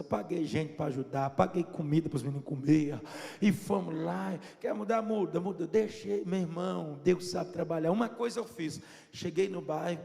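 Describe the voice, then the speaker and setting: A man with a Minas Gerais accent preaches in a church, his voice high and gravelly. He tells the story in an animated way, acting out the quotes as he goes. The sound rings in the long reverb of the church hall. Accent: Brazilian Portuguese, Minas Gerais. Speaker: pastor. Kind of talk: sermon.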